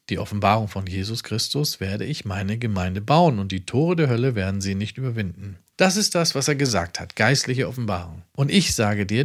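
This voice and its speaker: A man preaching a sermon emphatically, with sudden loud raised phrases. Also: on the low side.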